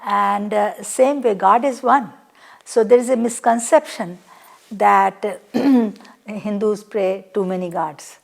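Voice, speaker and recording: A woman with an Indian English accent talks plainly in an interview. Her voice has a gravelly edge. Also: medium pitch, slow pace. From Uttar Pradesh, India. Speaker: temple member. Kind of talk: documentary interview.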